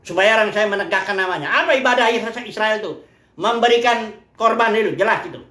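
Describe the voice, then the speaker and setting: A woman's voice: mid-range voice, brisk, fairly bright tone. Woman, preacher, Bible teaching sermon, question-and-answer manner, echoey worship hall. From Indonesia. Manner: conversational, asks questions then answers them. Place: place of worship.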